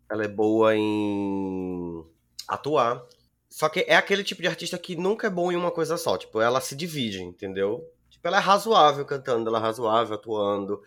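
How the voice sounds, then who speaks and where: A man's voice: medium pitch, animated, normal speed, a bit bright. A man co-hosting a podcast, chatting casually with slang and frequent swearing. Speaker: podcast co-host. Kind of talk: casual chat.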